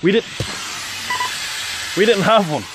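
Speaking slowly in a high-sitting voice, an Irish vlogger in his thirties rambles informally and swears playfully while filming on a handheld camera or phone. He's mostly outside near a parked van, and faint noise runs through the handheld outdoor recording.

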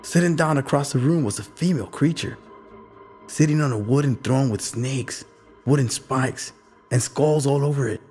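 A man's voice: medium pitch, normal speed, a little mellow, faint music behind, voice pushed up, lightly acted. A man voicing an anxious, troubled young boy who pleads and recounts things in a shaken way. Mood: earnest, shaken.

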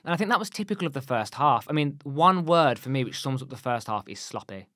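A man gives quick, emphatic match opinions. He talks fast into a desk mic, and the room sound is dry and close. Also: medium pitch, lively intonation, a bit bright, no room sound. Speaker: football podcast co-host. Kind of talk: casual post-match chat. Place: small studio with club shirts on the walls. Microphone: desk mic on a boom arm.

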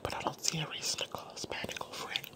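A young adult woman whispering a casual ASMR ramble while chewing gum. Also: fast talker.

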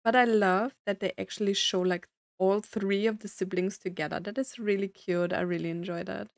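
A young adult woman hosts a reaction video, giving casual, enthusiastic commentary over game trailers with fillers like "mm-hmm." Her gravelly voice sits at medium pitch with fairly even intonation and normal speed, with no echo. Game trailer music and audio play in the background.

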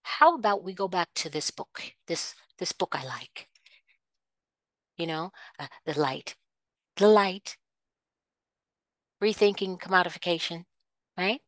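A woman's voice: lowish voice, moderate pace, fairly bright tone, dry recording. A woman hosting a solo podcast, ranting with passion, repeating herself and firing rhetorical questions. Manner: impassioned, repetitive, rhetorical questions. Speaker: podcast host. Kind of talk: solo opinion rant.

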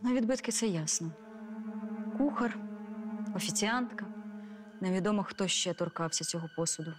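An actress playing a composed female prosecutor's investigator in a docudrama reenactment, questioning witnesses in a brisk, businesslike way. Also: medium pitch, lightly acted. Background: music.

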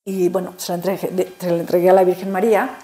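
A woman recounts a personal faith testimony in an interview. Her voice is mellow and warm, and her delivery is emotional and halting, full of repeated words and restarts. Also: on the low side, level tone. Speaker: interview guest.

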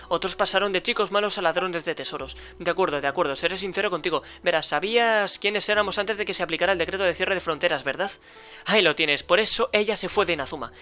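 A man with a Spain Spanish accent voicing a cocky, mocking male treasure thief in a game, with quick banter. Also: sits high, bright, forceful tone.

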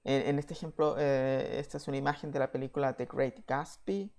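A man from Chile giving a slide presentation from home, measured and pausing often with "eh" fillers. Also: mid-range voice, fairly even intonation, darkish tone. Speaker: VFX software engineer giving a talk.

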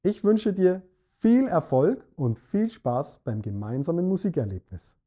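A man with a German accent, a saxophone teacher giving a scripted lesson in a clear, measured way that speaks straight to the viewer. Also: fairly high pitch, very animated, mellow. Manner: clear, measured explaining addressing the viewer directly. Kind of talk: scripted instructional talk.

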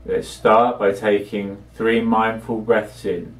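In a low, level voice, a man leads a meditation in a calm, measured way, with long pauses between brief instructions. The audio is echoey and picked up from a distance, and his tone stays level.

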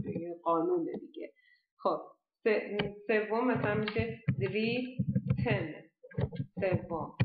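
Woman teaching a language class, slow careful words, muffled echoey recording. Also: medium pitch, background noise. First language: Persian. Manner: patient, explains step by step, slow careful German words. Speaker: German teacher. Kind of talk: online language lesson. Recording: dull lo-fi echoey room.

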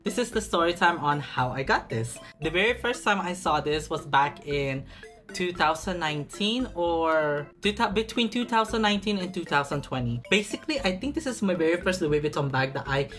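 Over soft background music, the vlogger speaks at a moderate pace in a slightly high, somewhat bright voice with lively intonation. He unboxes a bag in a small apartment room, chatting casually, sassy and dramatic, elongating words for effect.

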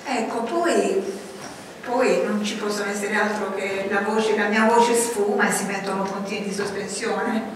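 A woman author speaking hesitantly at a book presentation, pausing often with fillers. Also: medium pitch, steady tone. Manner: hesitant, many fillers and pauses. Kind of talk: hesitant public talk. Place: large lecture hall. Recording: echoey hall, distant mic, faint noise.

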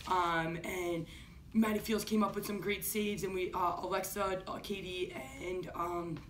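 A woman head coach answering questions at a postgame press conference, talking quickly with frequent ums. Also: on the low side. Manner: quick, steady, many ums. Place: office-like room, indoors. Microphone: far camera. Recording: distant room mic with faint hiss.

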